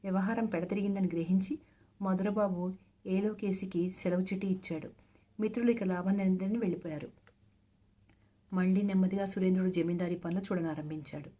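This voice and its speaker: Mellow-voiced woman reading a novel aloud. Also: medium pitch, steady tone, a little fast. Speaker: storyteller.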